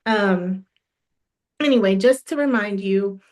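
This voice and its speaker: Her voice going from a cold, a middle-aged summit host delivers livestream announcements for an online event, warm and supportive, though she often says "um" and starts over. She speaks slowly at a medium pitch, her tone on the dark side.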